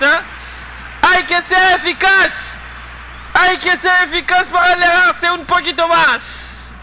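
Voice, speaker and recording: A man giving excited play-by-play football commentary of a video game match, given to shouted, repeated goal calls. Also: very high-pitched, a little hiss or hum, rough recording.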